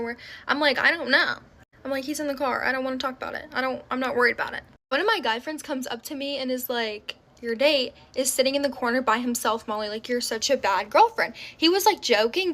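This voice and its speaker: A young woman telling a personal story in a casual storytime vlog, chatty and full of "like," acting out the lines of the people in it. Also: high-pitched. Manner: chatty, filler-heavy with frequent "like"; animated retelling with quoted dialogue.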